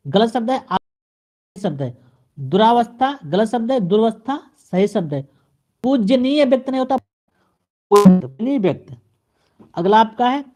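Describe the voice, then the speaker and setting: A male teacher giving an exam-prep grammar lesson, addressing the viewer and repeating each correction in a steady drilling pattern. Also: sits high. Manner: speaks straight to the viewer.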